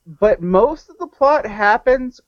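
A man's voice: high-pitched, animated, slow pace, dry recording. Rambling man on a dull, dry line. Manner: rambling, with many restarts and self-corrections. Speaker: podcast guest. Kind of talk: casual film discussion.

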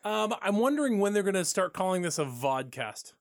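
A man's voice: sits high, big pitch swings, a little fast. A man co-hosting a home improvement radio show in a studio, chatting casually and laughing easily.

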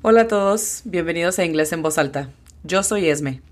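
A woman hosting a podcast lesson as an English teacher, explaining slowly and carefully and spelling words out sound by sound. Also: lowish voice.

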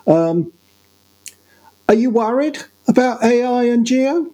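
A male podcast guest explaining his views in a measured, explanatory way. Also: very high-pitched, lively intonation, mellow. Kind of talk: casual podcast conversation.

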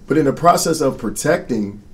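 A man's voice: mid-range voice, lively intonation, brisk. A man, a coach and co-host, talking in a casual podcast chat, joking and then lecturing about life lessons.

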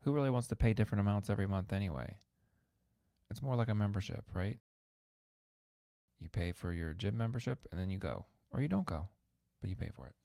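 A man's voice: on the low side, expressive, brisk, creaky, pauses often, warm tone, no echo, clean studio sound. A man who teaches piano, hosting an instructional podcast in a conversational, emphatic way that repeats words for stress.

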